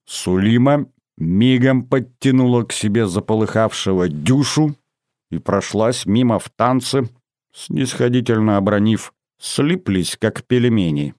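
A man narrating an audiobook in a measured storytelling manner, livening up the dialogue. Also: medium pitch, a little mellow, no room sound, clean studio sound. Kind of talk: scripted narration.

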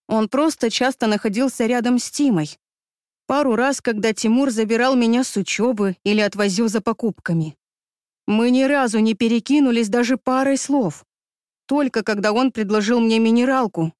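Woman narrator, first-person audiobook, tense dramatic reading, high-ish voice, dry close sound. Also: normal speed, a little mellow, dry recording.

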